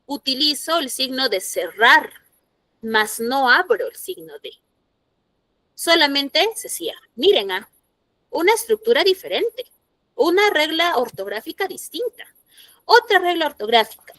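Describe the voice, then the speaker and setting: A woman's voice: high-pitched, very animated, unhurried, pushed and bright, no echo. A woman teacher, explaining grammar rules and asking her students questions. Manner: explanatory, asks the class questions. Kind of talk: classroom lesson to students.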